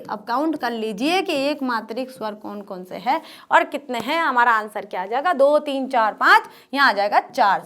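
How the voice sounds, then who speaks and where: A woman's voice: extremely high pitch, a bit bright. A woman teaching an exam-prep grammar lesson to students, asking questions and answering them herself and repeating the key terms.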